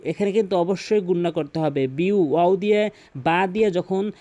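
A man's voice: sits high, moderate pace, warm tone. A man teaching Quran recitation in Bengali with a Bangladeshi accent, explaining pronunciation rules step by step and repeating key points. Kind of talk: tutorial explanation with recited examples.

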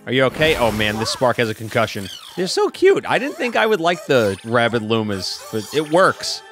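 A man casually commenting while playing a video game, joking and quickly voicing the characters in silly lines. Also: mid-range voice, huge pitch swings, over music. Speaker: gaming YouTuber. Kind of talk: casual let's-play commentary.

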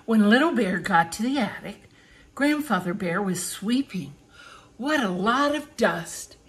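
A woman reading a children's picture book aloud, slow and clear, with soft whispered asides between pages. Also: mid-range voice, lively intonation. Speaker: reader.

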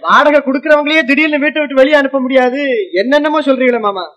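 An actor playing a defiant young nephew in a 1950s film, arguing and declaiming formal lines. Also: male voice, very high voice, fast, muffled recording. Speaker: nephew in the household.

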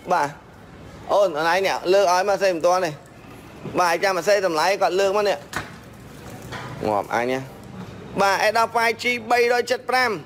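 A high-pitched man from Cambodia works through his shop's phone models and prices in a steady, practiced patter. He sounds like a seller doing a price rundown, with a faint noise of the shop behind him.

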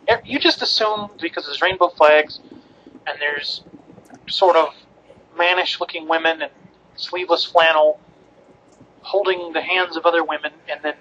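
Defensive young grandson, played by a man, comedy call. Sharp, forceful tone, slightly dull recording. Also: on the high side, slight background noise. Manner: hesitant, defensive, argumentative. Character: defensive, exasperated adult grandson in denial. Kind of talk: improvised comedy phone-call skit.

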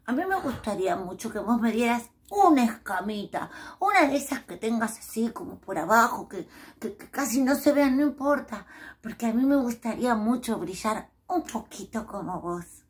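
A tiny, timid fish from a storybook, played by a woman, pleading in a small, high voice with a Rioplatense Spanish accent. The manner is shy and easily hurt. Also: animated, normal speed, close to an everyday voice. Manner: pleading, tearful.

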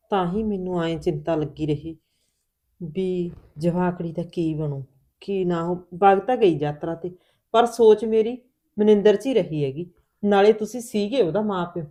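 An actress in a family drama, talking earnestly, reassuring at times and heated at others. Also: female voice, on the low side, normal speed, dark tone, close to an everyday voice. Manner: earnest, reassuring, turns heated when angry. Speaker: Binder, sister-in-law in the household. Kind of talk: Punjabi family drama acting.

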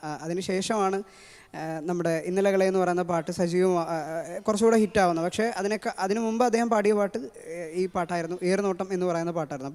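A man with a Malayali accent introducing his impressions, talking fast with many fillers. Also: high-pitched, a little mellow. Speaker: mimicry artist. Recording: long hall reverb.

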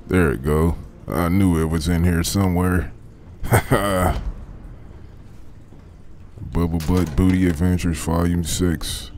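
A man's voice: deep voice, steady tone, normal speed, hardly any pauses, darkish tone, a little hiss or hum. A man casually narrating his video game play, laid-back and crude, muttering to himself as he loots and picks locks. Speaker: gaming commentator. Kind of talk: casual let's play commentary.

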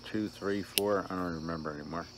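A man chatting casually with a pipe in his mouth, relaxed and rambling, outdoors by a fire pit at night. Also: low voice, brisk. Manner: relaxed, rambling, self-deprecating. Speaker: pipe-smoking vlogger. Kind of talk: casual chat. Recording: noisy outdoor recording. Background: crickets and outdoor night ambience.

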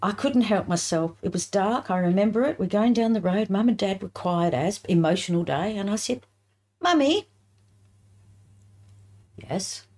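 A middle-aged woman telling childhood stories in a relaxed, laughing, chatty way, with many fillers. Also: medium pitch, fairly quick, hardly any pauses. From England. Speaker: guest author. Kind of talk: casual storytelling interview.

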